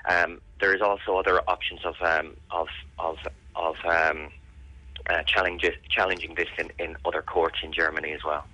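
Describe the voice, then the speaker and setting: An Irish man with a deep voice and a firm, bright edge. He answers interview questions earnestly and presses his points by repeating them. The sound is close and dry. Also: flat delivery, normal speed, no echo, rough recording. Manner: earnest, insistent, repeats phrases for emphasis. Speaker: interviewee, bereaved brother campaigning for an investigation. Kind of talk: serious radio interview answers.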